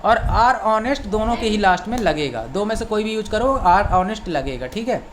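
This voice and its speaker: A woman teaching an online language lesson, explaining slowly, repeating each point and reading example sentences word by word. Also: medium pitch, sing-song. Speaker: English teacher.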